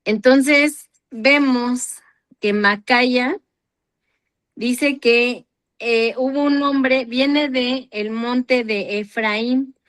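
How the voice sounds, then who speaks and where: A woman's voice: fairly high pitch, fairly even intonation, drawn-out words, a bit bright. A woman leading a Bible reading circle, reading scripture passages aloud and commenting on them, apparently over a video call.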